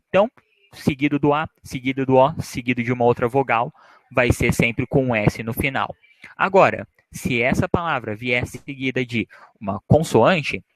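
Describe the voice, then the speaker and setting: Man, English teacher, patient repetition, mid-pitched, dry close mic. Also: dry recording. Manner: patient, repeats each word slowly for learners. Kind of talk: slide-based English lesson.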